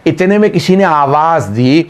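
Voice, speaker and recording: A man, a cleric, giving an emotive Muharram majlis sermon, telling a story in drawn-out recitation. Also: fairly high pitch, lively intonation, smooth. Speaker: Shia cleric.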